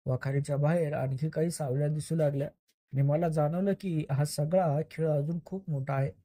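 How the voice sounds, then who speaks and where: A man narrating a first-person story in a plain, steady reading voice, now and then correcting himself. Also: a little high, moderate pace, no room sound.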